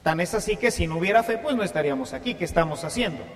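A priest preaching a sermon in a church, telling a story and asking the congregation questions. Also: male voice, sits high, lively intonation, rapid-fire, in a large hall.

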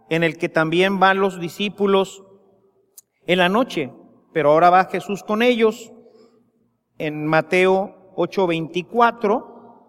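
A man with a Mexican accent preaching a sermon, slow and emphatic, rising into impassioned pleas. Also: high-pitched, big-room sound. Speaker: priest.

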